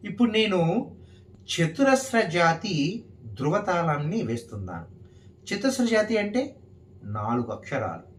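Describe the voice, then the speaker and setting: A man with a fairly high, lively voice gives a dance rhythm lesson at an unhurried pace. He counts the beats aloud one syllable at a time. He sounds roomy, picked up from a distance. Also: a little hiss or hum. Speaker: dance teacher.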